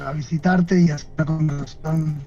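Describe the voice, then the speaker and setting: A man's voice: on the high side, steady tone, brisk, mellow, highs cut off, soft background music. A man giving interview answers over a video call, speaking thoughtfully with frequent fillers and restarts. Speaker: guest photojournalist.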